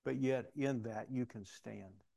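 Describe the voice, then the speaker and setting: This middle-aged preacher speaks unhurriedly in a mid-range voice that is gravelly, mellow and slightly rough. His sermon centers on a personal tale, with the people in it brought to life through acted-out voices and asides.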